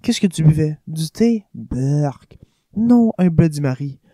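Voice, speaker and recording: A man voicing a calm, confiding middle-aged politician who schemes. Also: a little high, slow, dry recording, studio quality, voice pushed up.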